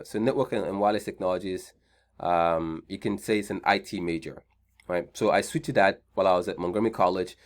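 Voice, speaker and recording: A man from Nigeria with a Nigerian accent talks through a live online career seminar over a computer mic. His voice sits a little low, and his delivery is loose and conversational. He often repeats key lines and checks in with the audience. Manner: conversational, repeats key points, frequent "right?" check-ins. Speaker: seminar host.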